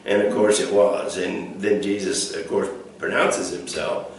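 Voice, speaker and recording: A man's voice: sits low, fairly even intonation, a little slow, vocal fry. A man pastor teaching a Bible study in a folksy, rambling way, full of fillers and restarts. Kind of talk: casual teaching. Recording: echoey room from a distant mic, faint noise.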